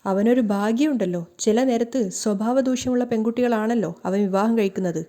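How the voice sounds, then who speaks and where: Woman doing worried young woman in a recap, mellow warm tone. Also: a little high, fairly quick, natural voice. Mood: concerned.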